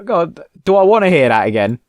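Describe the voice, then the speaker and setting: A man's voice: on the high side, sing-song, a little fast. A man reacting to his own old video, laughing at himself and exclaiming. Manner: self-mocking, exclaiming. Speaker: channel host.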